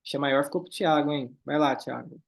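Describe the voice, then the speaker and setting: A man leads a German lesson. His voice sits a little high. He says the German lines slowly, then explains them quickly. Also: creaky, noisy background. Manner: switches between slow careful German and quick explanations. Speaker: German teacher. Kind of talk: online class, reading dialogue and translating.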